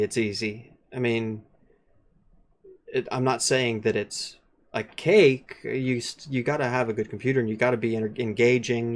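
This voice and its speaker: Crude joking young man. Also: mid-range voice. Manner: crude, joking, swears a lot. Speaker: podcast co-host. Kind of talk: casual podcast chat.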